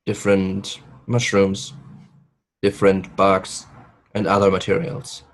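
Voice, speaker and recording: Slow, low-voiced male game master. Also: little pitch movement, low-quality recording. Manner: halting, with fillers and laughs. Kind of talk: narrating a tabletop game.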